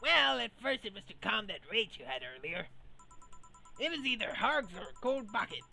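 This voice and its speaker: A firm, commanding bar owner, as a woman voices her, blunt and bossy with a lively, bouncing delivery. A visual novel game character read aloud over faint music. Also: mid-range voice, moderate pace, vocal fry, full character voice.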